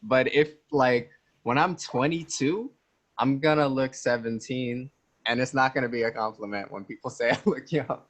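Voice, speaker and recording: A man's voice: mid-range voice, normal speed, a bit bright. A 19-year-old man chatting casually as an interview guest, joking, laughing often and rambling with restarts.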